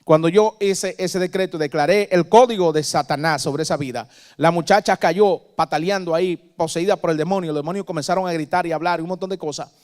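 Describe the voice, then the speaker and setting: A male preacher telling stories emphatically in a sermon, swinging between soft and loud. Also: a little high, fairly quick.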